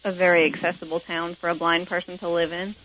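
A woman's voice: fairly low pitch, level tone, fast talker, crowd noise. Friendly young woman in her late 20s being interviewed, laughs easy, dull lo-fi sound. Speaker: guest. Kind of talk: casual interview.

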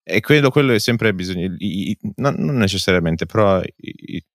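A man's voice: low-pitched, expressive, moderate pace, no echo, clean studio sound. A man co-hosting a podcast, chatting casually and bluntly and dropping English phrases into his talk. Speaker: podcast co-host. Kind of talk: casual chat, informal commentary.

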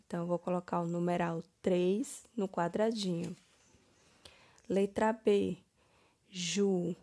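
A woman teacher, slowly correcting first-grade homework step by step, stressing each word. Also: on the low side, steady tone, mellow, dry recording.

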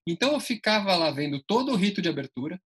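A man's voice: sits high, big pitch swings, fast talker, a bit bright, breathy edge. A man telling a personal story casually and animatedly, acting out the dialogue.

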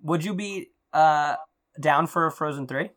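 A woman hosting a casual chat in an informal, halting, teasing way. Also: deep voice. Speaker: podcast host.

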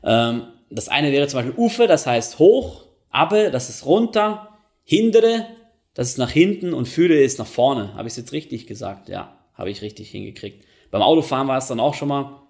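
A man's voice: medium pitch, expressive, a little fast, vocal fry, darkish tone. Chatty man hosting a podcast. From Germany. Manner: chatty, many fillers and self-corrections. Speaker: podcast host. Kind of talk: casual monologue.

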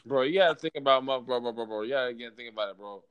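A man's voice: mid-range voice, very fast, clean tone, no echo, dull audio. A young American man debating casually in slangy frat-bro talk, swearing and stammering over repeated words.

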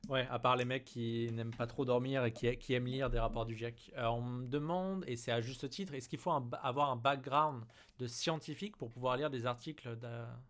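A man's voice: mid-range voice, fairly even intonation, moderate pace, few pauses, a bit bright. A man hosting an interview, friendly and informal, reading questions from a live chat.

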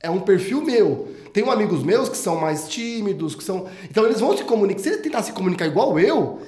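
A man's voice: high voice, very animated, quick pace, a little mellow. A man hosting a podcast in an expansive, joking way. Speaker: podcast host. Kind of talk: casual podcast chat. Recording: roomy echo.

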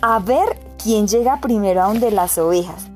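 A woman voicing an eager, excitable young boy in a storybook reading, exclaiming as he speaks. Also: mid-range voice, normal speed, soft background music, natural voice. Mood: excited.

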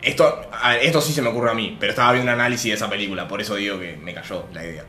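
A man's voice: fairly low pitch, fairly even intonation, rapid-fire, sharp tone. Rioplatense male podcast co-host, rambling explainer, echoey room, faint music. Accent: Rioplatense Spanish. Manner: rambling, explains at length, laughs often. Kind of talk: casual chat.

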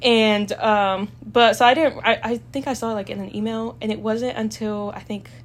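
A young Salvadoran university student, a native Spanish speaker, chats casually as a guest, hesitating with plenty of fillers and laughing easily. Her voice is a little high, with a steady tone at normal speed.

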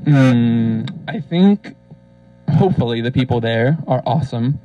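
A man's voice: mid-range voice, lively intonation, measured pace. A young man co-hosting a casual podcast through an old karaoke microphone that makes him sound like a pilot on an intercom, giving short, hesitant answers. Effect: muffled karaoke-machine mic, like a pilot on an intercom. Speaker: podcast co-host. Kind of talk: casual chat. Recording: dull lo-fi karaoke mic, dry.

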